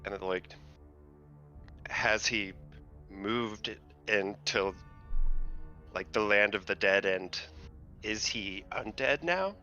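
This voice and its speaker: A man playing a tabletop game talks slowly and loosely, swearing and trailing off. His voice is lowish with a bright edge, and the recording sounds slightly dull, with faint music behind. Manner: laid-back, sweary, trailing off. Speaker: player. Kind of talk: casual tabletop play.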